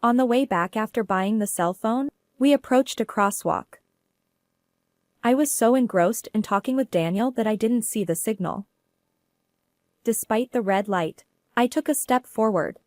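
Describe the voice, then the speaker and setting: A woman telling a first-person story as narrator, in a steady, earnest way. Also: a little high, unhurried, dry recording, clean studio sound.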